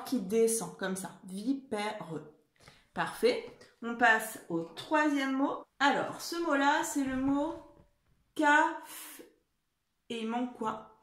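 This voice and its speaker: A woman's voice: a little high, fairly bright tone, roomy sound. A woman teaching a spelling lesson to young children, patient and encouraging, often checking in with the class. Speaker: primary school teacher. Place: room at home.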